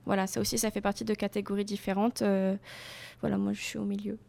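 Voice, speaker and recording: A woman's voice: mid-range voice, little pitch movement, fast talker, creaky, mellow. A young woman, an athlete guest, answering interview questions casually and searching for her words. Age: young adult. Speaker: para-surfing champion guest.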